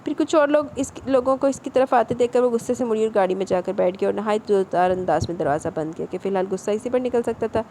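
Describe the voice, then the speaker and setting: A woman narrating a novel aloud in a steady, even storytelling manner. Her voice sits a little high, and a faint hiss runs under the reading. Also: hardly any pauses. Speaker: audiobook narrator.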